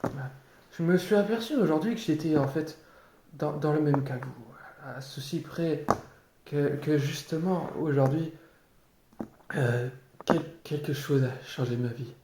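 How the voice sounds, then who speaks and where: A man with a fairly high voice delivers an improvised theatrical tirade at a slow pace. He is sardonic and mock-polite, often pausing and repeating words. The recording is echoey. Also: dark tone. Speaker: amateur actor improvising a monologue. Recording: roomy echo, clearly noisy background, clicks.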